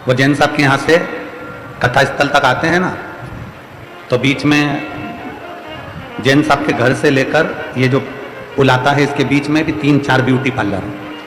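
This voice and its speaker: This devotional preacher speaks with a Madhya Pradesh Hindi accent in a medium-pitched, fairly bright voice, keeping his intonation fairly even and his pace unhurried with long pauses. Addressing a large outdoor religious gathering, he repeats lines emphatically and rhetorically. The sound is echoey like a hall, with long reverb and faint music.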